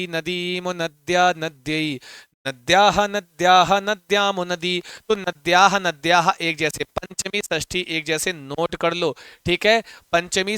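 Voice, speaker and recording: A male teacher, his voice high and bright, chanting word forms in a rhythmic rote cadence for his class. The sound is smooth and close, with almost no room around it. He stops often to reassure his students. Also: dry recording. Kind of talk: live online exam-prep class, chanting declensions.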